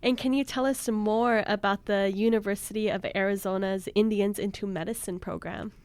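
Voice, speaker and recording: Encouraging woman radio host with a smooth voice. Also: mid-range voice, steady tone, fairly quick, a little mellow, no room sound. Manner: encouraging, frequent mm-hmms. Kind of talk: radio interview. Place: radio studio.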